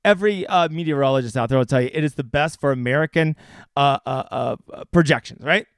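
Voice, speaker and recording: A man's voice: mid-range voice, quick pace, vocal fry, no room sound. A man casually breaking down fantasy golf picks on a livestream, crude and joking. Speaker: fantasy sports analyst.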